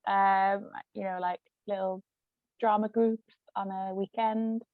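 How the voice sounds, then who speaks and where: An actress and author, appearing as a guest, chats casually and shares anecdotes about her own work. Her medium-pitched voice stays level and unhurried. The audio is dry and thin, like a phone line.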